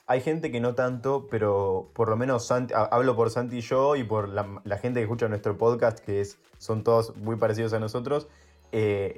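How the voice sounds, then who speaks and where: A man hosting a podcast, asking questions in a relaxed, easygoing way. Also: medium pitch. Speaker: podcast host. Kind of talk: casual interview chat.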